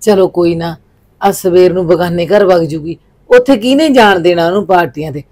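A woman's voice: on the low side, normal speed, lightly acted. Woman playing a middle-aged village mother, indulgent. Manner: indulgent, calmly arguing back. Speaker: mother of a college girl. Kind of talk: village family drama acting.

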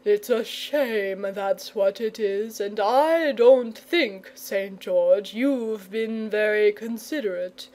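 A big, lazy storybook dragon, acted out by a woman, jovial and half asleep. He drawls very slowly and rambles along, slurring his words. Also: mid-range voice, darkish tone. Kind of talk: children's storybook character.

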